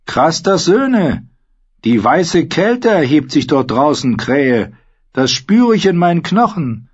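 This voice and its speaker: A man reading an audiobook voices two blunt, ominous old women with a shrill, harsh manner. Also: big pitch swings, slow, husky, muffled recording, heavily acted.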